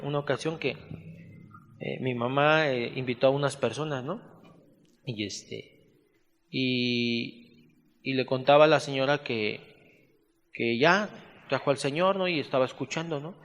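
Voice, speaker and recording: Mexican male Bible teacher, unhurried dictation with chatty asides, medium voice, reverberant hall. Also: mid-range voice. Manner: slow, spelled-out dictation mixed with conversational asides. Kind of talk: Bible study lesson, dictating notes.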